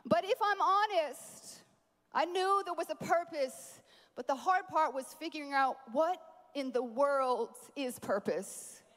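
Woman preaching at a conference, high voice, big echoey hall, jokes with the crowd. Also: a little slow. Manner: animated, playful asides to the crowd. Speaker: conference speaker. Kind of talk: sermon.

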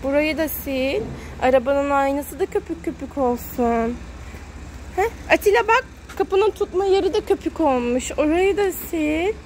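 A mother films a family vlog on a handheld phone at an outdoor car wash, talking from behind the camera to her small child. Her voice is high-pitched and a little mellow at normal speed, casually encouraging and repeating words in a sing-song way over the car wash noise.

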